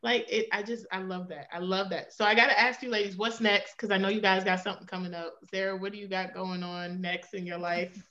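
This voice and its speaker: A woman's voice: mid-range voice, steady tone, a little fast, few pauses, pushed and bright, lo-fi sound. A woman hosting an interview, enthusiastic and full of praise for her guests. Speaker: interview host.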